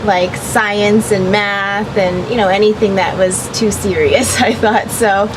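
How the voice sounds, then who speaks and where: A young actress talks loosely in a casual interview, stringing thoughts together with fillers and breaking into laughs. Her voice sits at an ordinary middle pitch. A steady hum of air conditioning noise runs clearly under the recording. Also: measured pace. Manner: chatty, laughs often, many fillers.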